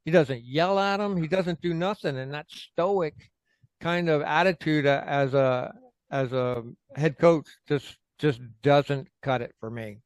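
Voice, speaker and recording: A man's voice: on the high side, a little slow, no room sound. Profane man ranting on a sports podcast. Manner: profane, heated, fan ranting. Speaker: co-host. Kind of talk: casual sports podcast chat.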